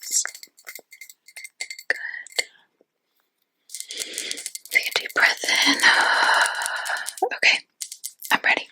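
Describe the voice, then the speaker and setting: A woman's voice: very slow, long pauses, sharp tone, no echo. A woman whispering in a chatty ASMR roleplay as a fortune teller, with lots of casual fillers.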